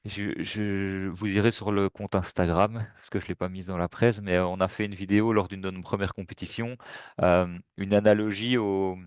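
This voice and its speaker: A man's voice: low voice, steady tone, moderate pace, clear, resonant tone, no room sound, clean studio sound. A man presenting a webinar in a casual, hesitant way, with many fillers and restarts. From Belgium.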